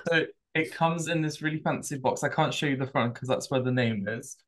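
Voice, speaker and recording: A man co-hosting a podcast, chatting casually with playful, animated storytelling. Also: medium pitch, a little fast. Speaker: podcast co-host. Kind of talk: casual chat.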